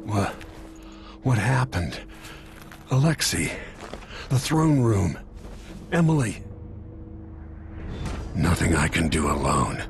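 A man's voice: low-pitched, big pitch swings, drawn-out words, vocal fry, long pauses, soft background music, full character voice. An actor playing a weary, grizzled male royal bodyguard in a video game cutscene, with grim, clipped urgency. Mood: urgent, grim.

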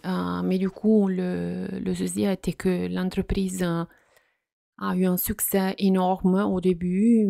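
A woman hosting a soft-spoken ASMR chat, speaking hesitantly in non-native French with slips and frequent fillers. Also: on the low side, creaky, no room sound, clean studio sound. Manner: hesitant, many fillers and restarts. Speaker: ASMR channel host.

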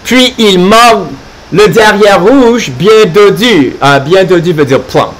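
A man's voice: sits high, takes it slowly, fairly bright tone, slight background noise. A man teaching French to children, reading a holiday storybook aloud live and stopping to explain words in English.

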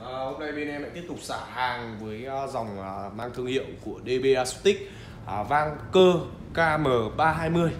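A man with a Northern Vietnamese accent giving an insistent, repetitive hard-sell pitch as a shop seller showing off a product. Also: expressive, a little fast. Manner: insistent, repetitive, urging buyers. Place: indoor shop room with audio gear. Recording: roomy echo with faint background noise.

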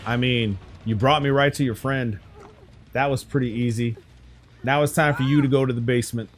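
A man's voice: mid-range voice, steady tone, moderate pace, background noise. A man commentating on his own gameplay as a streamer, cocky and theatrical, taunting his opponents. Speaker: gaming streamer playing as the killer.

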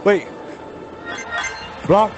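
A man streaming a boxing game, shouting loud, profane trash talk at his opponent. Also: extremely slow, muffled recording. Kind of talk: live gaming stream commentary. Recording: loud game music behind the voice.

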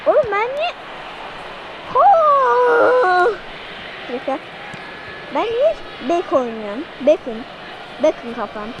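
Shrill, excitable woman gamer. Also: moderate pace, lo-fi sound, heavy background noise. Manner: excitable, shouts at the game, talks to viewers. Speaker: gaming channel host. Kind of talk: let's-play commentary.

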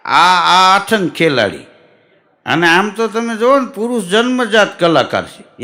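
A middle-aged man, telling folk comedy jokes and acting out the dialogue in lively fashion. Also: a little high. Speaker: stand-up comedian. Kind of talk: Gujarati folk comedy storytelling.

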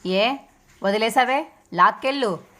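A woman's voice: on the high side, takes it slowly, a bit bright. A woman voicing an angry young husband who defends his sick wife with sarcasm, in a serial recap read. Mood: indignant. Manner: indignant, sarcastic.

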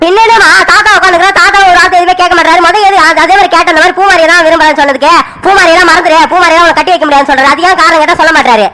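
A woman's voice: very high voice, steady tone, racing, few pauses, sharp tone. A woman voicing an upset young man who complains to his mother and keeps repeating himself in a village family cartoon. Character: young man, upset son, insistent and frustrated. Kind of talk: animated cartoon serial voice.

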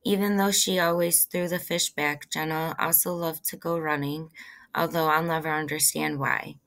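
A woman voicing a grieving young woman who gives a gentle, measured eulogy in a low, gravelly voice. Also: level tone. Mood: solemn.

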